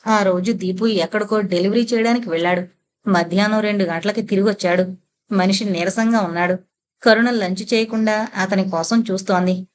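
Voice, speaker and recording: A woman narrates a serialized audio novel in a steady, measured way. Her voice sits in an ordinary middle pitch for a woman.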